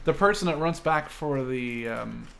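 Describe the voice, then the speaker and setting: This gaming video comes from a twenties-aged host and player whose medium-pitched, gravelly voice moves unhurriedly. He chats casually and swears freely. Crowd noise, an echoey room at a new place and a lower-quality microphone color the sound.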